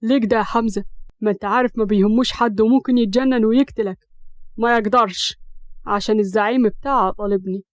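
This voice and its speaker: A woman's voice: a little high, fairly even intonation, fast, no room sound, lightly acted. A woman with an Egyptian accent voicing a loyal, worried young male friend who speaks earnestly.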